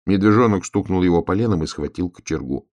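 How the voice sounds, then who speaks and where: A man narrating a children's fairy tale in a calm, measured and expressive reading. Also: low voice. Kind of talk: storybook reading.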